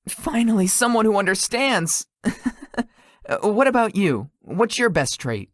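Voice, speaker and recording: For a visual novel, a woman voices a shy, sweet young man who gets flustered easily and hesitates, stammering when embarrassed. Her mid-range voice is very animated yet measured in pace, with a friendly, gentle mood, recorded in clean studio sound with no room sound.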